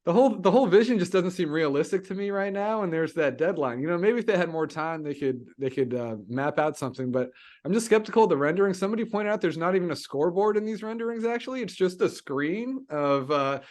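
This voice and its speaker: A man's voice: high voice, expressive, quick pace, darkish tone. Skeptical podcast co-host man. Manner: skeptical, laughs easily. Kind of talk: casual podcast chat.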